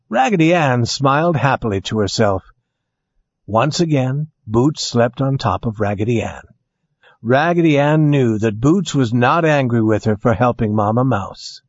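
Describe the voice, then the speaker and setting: A man reading a children's storybook aloud in a lively, expressive way, recorded with a dry, dull lo-fi sound. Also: mid-range voice, dry recording. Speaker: narrator.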